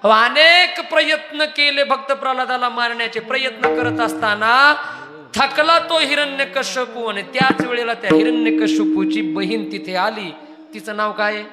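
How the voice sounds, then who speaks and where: A man's voice: very high-pitched, moderate pace, pushed and bright. A male kirtan preacher, telling devotional stories, singing verses and teasing the audience with questions. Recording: reverberant hall with faint music.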